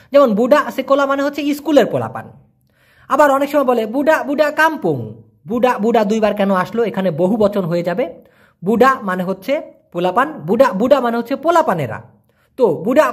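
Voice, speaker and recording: A husky-voiced man teaches a casual language lesson. He talks with a lively, swinging pitch, and he breaks foreign words down slowly and repeats them with patience.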